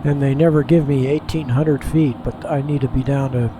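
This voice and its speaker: A male pilot speaking into his cockpit headset, giving a relaxed, folksy running commentary while he flies. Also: mid-range voice, normal speed. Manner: relaxed, folksy, thinking aloud. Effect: pilot cockpit headset sound. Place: aircraft cockpit in flight. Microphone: pilot's cockpit headset mic. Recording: headset mic over steady cockpit engine noise.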